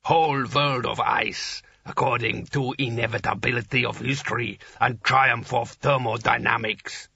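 A colossal, slow-witted ice giant, voiced by a man, rumbling in plodding broken grammar. The tone stays bright and a little husky. It sounds dull and dry, like a close studio read. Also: steady tone, no room sound, exaggerated voice. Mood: blunt, rumbling.

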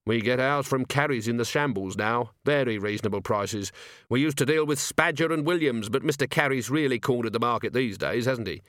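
A man voicing a shrewd male watch commander in an audiobook, dry and gently probing. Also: mid-range voice, brisk, no echo, lightly acted. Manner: dry, gently coaxing questions.

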